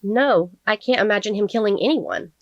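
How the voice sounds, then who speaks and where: A woman's voice: mid-range voice, moderate pace, dry recording, lo-fi sound, voice pushed up, lightly acted. A woman voicing an earnest, flustered female English teacher on the witness stand, eager to agree.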